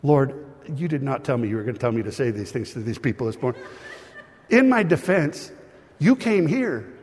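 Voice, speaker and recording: A male pastor preaching a sermon to a live congregation, animated and joking with the crowd. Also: medium pitch, normal speed, breathy edge, in a large hall.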